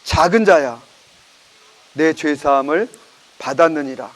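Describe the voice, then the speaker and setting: A male pastor voicing a calm, gentle savior who speaks slowly and solemnly, lower than his own voice. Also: in a large hall. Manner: slow, solemn.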